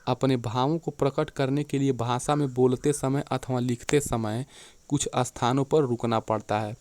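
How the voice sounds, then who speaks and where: A man teaching an exam-prep lecture, often checking in with his students and slowing down to read definitions and examples aloud. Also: medium pitch, steady tone, darkish tone, no echo. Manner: keeps checking in with "theek hai" and "dekhiye".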